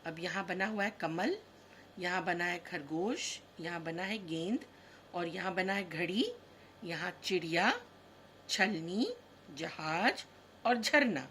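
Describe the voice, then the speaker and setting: Slow, patient woman teaching small children. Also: lowish voice, a bit bright, a little hiss or hum. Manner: slow, patient and sing-song, stressing each letter; talks straight to the children. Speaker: kindergarten teacher. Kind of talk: slow, patient worksheet lesson for young children.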